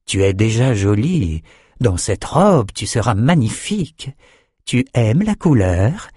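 A man's voice: fairly low pitch, sing-song, slow, mellow, breathy edge, no room sound, studio quality, full character voice. A man voicing an imperious, possessive woman who heads a circle of scholars, speaking with condescending sweetness. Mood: sweet.

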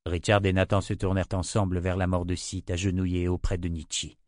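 A man narrating an audiobook in a steady, measured reading. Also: low-pitched, no room sound, clean studio sound. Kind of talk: scripted narration.

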